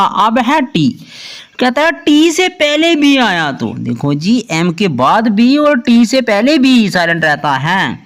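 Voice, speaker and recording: A man hosting a video lesson, explaining English pronunciation rules in a lively teaching tone and often checking that students follow. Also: high-pitched. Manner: lively teaching tone, keeps asking "clear?". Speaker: English teacher, channel host.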